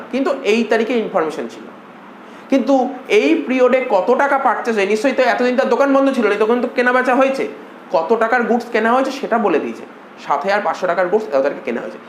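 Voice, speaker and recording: A fast-talking man teaching an accounting class, coaxing students with repeated questions. He is recorded in an echoey classroom, with a faint hum of room noise behind him. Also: extremely high pitch. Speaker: accounting tutor. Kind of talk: classroom lecture.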